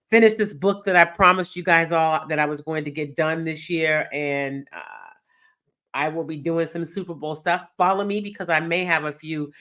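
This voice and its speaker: A middle-aged Texan woman hosts a live-streamed sports talk show, her low, slightly bright voice nasal from a cold. Upbeat and casual, she chats directly with viewers and reads the chat aloud.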